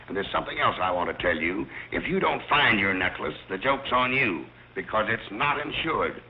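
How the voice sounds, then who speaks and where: A man's voice: fairly low pitch, very animated, normal speed. A middle-aged man acting an exasperated wealthy father in 1930s screwball comedy film banter. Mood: stern, exasperated. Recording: muffled 1930s film soundtrack with hiss.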